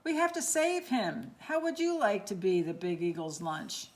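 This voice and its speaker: A woman's voice: expressive, moderate pace, lightly acted. A woman voicing a small, earnest young prairie dog, urgent and pleading, in a storybook read-aloud. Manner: urgent, pleading, higher-pitched.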